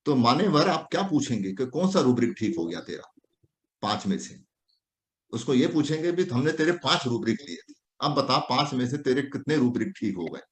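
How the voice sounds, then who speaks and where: Man, homeopathy teacher, classroom lecture, talks right at students, lively swinging pitch, roomy echo. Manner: animated, addresses students directly. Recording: echoey room.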